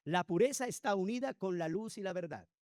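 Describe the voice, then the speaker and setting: A man preaching a Sunday school sermon in a high voice. He presses the congregation with rhetorical questions and emphatic declarations. The recording is dry, with little room sound. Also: lively intonation, brisk, a little mellow, no room sound. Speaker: pastor.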